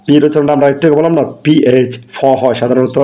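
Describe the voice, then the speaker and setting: Bengali-speaking male teacher with a Bangladeshi accent, warm low-brightness voice, spells words out slowly for a short lesson. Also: steady tone. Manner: spells out letters slowly, then repeats the sound. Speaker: English pronunciation teacher. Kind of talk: short educational video lesson.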